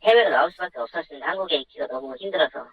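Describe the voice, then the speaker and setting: An anonymous guest speaks through a deep pitch-shifting voice disguise. The delivery is subdued and measured, at an ordinary pitch for the disguised voice. It arrives over a dull, lo-fi phone line. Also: breathy edge. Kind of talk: phone-in news interview.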